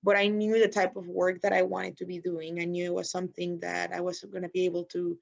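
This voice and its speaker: A woman's voice: on the low side, little pitch movement, brisk, gravelly. Friendly young woman on a webinar. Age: 20s. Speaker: guest consultant. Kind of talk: webinar panel answer. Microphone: video call. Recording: dull lo-fi video call audio.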